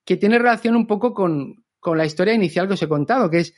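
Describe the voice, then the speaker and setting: High-voiced chatty man. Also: fast. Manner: lively, chatty, acts out quotes. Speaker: communicator and trainer. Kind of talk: podcast storytelling talk.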